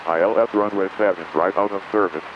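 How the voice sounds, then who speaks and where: A man's voice on an automated airport weather broadcast, reciting wind, clouds and runway information in a flat, recited way over an aircraft radio. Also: low-pitched, fast talker. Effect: airport weather broadcast heard over aircraft radio. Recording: muffled aircraft radio under engine noise.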